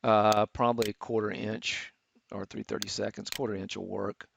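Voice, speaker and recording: Halting, gravelly middle-aged male instructor. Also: lowish voice, flat delivery, a little hiss or hum. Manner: halting, many fillers and restarts. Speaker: architecture instructor. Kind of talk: screen-recorded software tutorial. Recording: dull, lo-fi screen capture.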